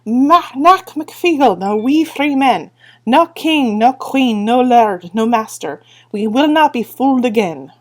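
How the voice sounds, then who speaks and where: A woman's voice: medium pitch, expressive, moderate pace, lightly acted. Woman doing a rowdy wee fairy man. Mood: defiant. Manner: boisterous, rallying. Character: tiny rowdy male blue fairy warrior leader. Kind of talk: reading a book aloud.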